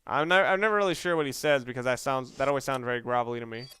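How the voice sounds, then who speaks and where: This man's mid-range voice is clear and resonant, and he talks very fast, with no room sound in the recording. He gives rambling, off-the-cuff let's play commentary, rephrasing himself mid-sentence. Loud game music and gunfire fill the background.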